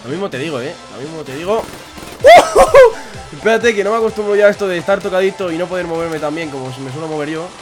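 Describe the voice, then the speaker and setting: A young man giving excited gameplay commentary at a desk microphone, yelling and laughing at the game. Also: sits high, fast talker, over loud music. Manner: yells and laughs at the game, rambling. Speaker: gaming YouTuber.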